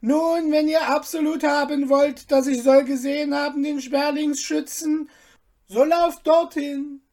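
A woman's voice: high voice, fairly even intonation, a little slow, warm tone, pitched above the performer's own voice. A woman reading an audiobook and voicing a man, a meek and sly merchant who answers evasively.

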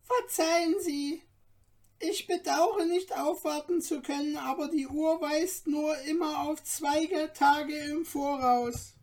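A woman voicing a tiny, courteous and excitable male dwarf guide in a storybook reading, speaking in an ornate, eager way. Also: slow pace. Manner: ornate, polite, squeaky and eager.

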